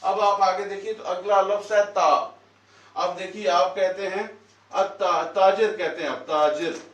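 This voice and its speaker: A man with a high voice and flat, measured delivery teaches a Quran lesson at a whiteboard. He quizzes the class and repeats their answers, and his voice sounds far off in the echoey classroom.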